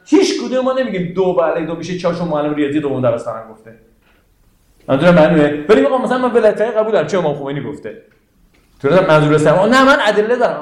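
Man, high-pitched, informal classroom lecture, conversational, echoey room. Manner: conversational, keeps checking listeners follow. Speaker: religious studies teacher.

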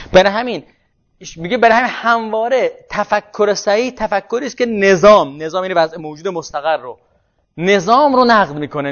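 Guy teaching a class, kinda high voice, restarts words a lot, muffled lo-fi sound. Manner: thinking aloud, restarting words. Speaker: lecturer. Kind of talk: classroom lecture.

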